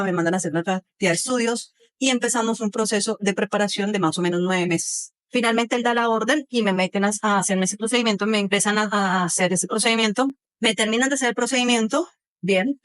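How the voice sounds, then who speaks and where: A woman's voice: mid-range voice, dry recording. A young woman, a podcast guest telling her own hard experiences with feeling, acting out what others said. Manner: emotional, retells events with quoted speech and sounds. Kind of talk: personal testimony in a podcast interview.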